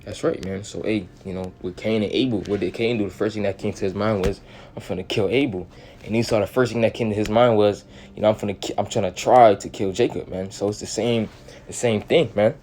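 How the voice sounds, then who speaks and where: A man's voice: fairly low pitch, steady tone, fairly quick, darkish tone, a little hiss or hum. A man reading old-fashioned scripture aloud and explaining it in loose, slangy talk with swearing. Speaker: Bible teacher. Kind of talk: casual Bible study reading.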